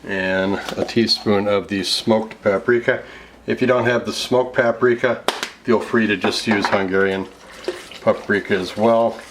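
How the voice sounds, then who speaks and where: A man's voice: lowish voice, steady tone, measured pace. American cooking show host, man over kitchen noise. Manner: explanatory, conversational step-by-step narration. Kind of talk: casual cooking show host talking through a recipe. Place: home kitchen, indoors. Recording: clear background noise, kitchen clatter.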